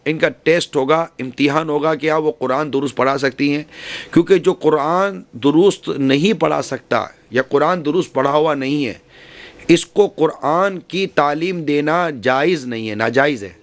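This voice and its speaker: Earnest man giving a religious talk. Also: on the high side. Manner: earnest, advising, repeats and rephrases points. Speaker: preacher addressing women's gathering. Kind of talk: religious speech.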